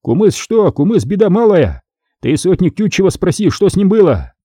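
A man's voice: sits high, very animated, moderate pace, mellow, breathy edge, no room sound, studio quality, voice pushed up, exaggerated voice. A man doing a bitter medieval interpreter. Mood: grumbling. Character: male medieval interpreter, bitter about the Horde.

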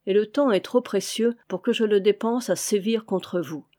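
A woman's voice: medium pitch, moderate pace, dark tone, close to an everyday voice. A woman voicing a scheming male manor lord who bargains and pleads with his servants in a heated, desperate way. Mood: cold.

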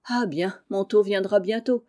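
Woman voicing a gentle, kind young girl; modest. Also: mid-range voice, measured pace, natural voice.

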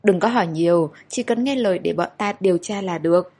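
A woman's voice: lowish voice, fairly quick, a little mellow, breathy edge. A woman playing a rude, impatient young male soldier leader in a spoken story. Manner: rude and blustering.

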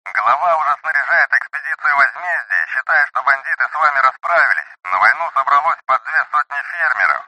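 A man's voice: fairly high pitch, expressive, bright, forceful tone, dry recording, voice pushed up, full character voice, rough recording. A man voicing a cheerful, talkative male radio operator whose voice comes through a radio channel. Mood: chattering. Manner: talkative, rattles on quickly. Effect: voice over a radio channel. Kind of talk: audiobook narration.

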